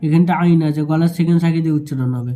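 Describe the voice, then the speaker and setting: A man with a very dark, mellow voice teaches a Quran reading lesson, speaking a little higher than most men. He sounds out each syllable slowly and patiently, then explains the rules in a calm teacher's manner. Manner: slow syllable-by-syllable spelling and recitation. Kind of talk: Noorani qaida lesson.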